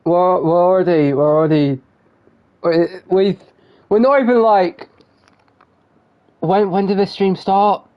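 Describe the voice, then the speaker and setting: A man's voice: high-pitched, steady tone, takes it slowly, pauses often, clean tone, highs cut off. A man streaming a game live, chatting in a rambling, giggly way that keeps interrupting itself. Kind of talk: live gameplay commentary.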